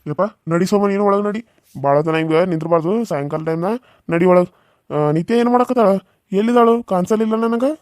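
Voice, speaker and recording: A man's voice: high voice, fast, a little mellow, dry recording, studio quality, natural voice. A man voicing a coaxing older village elder. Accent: North Karnataka Kannada. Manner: coaxing, fatherly. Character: older village father figure, calming elder.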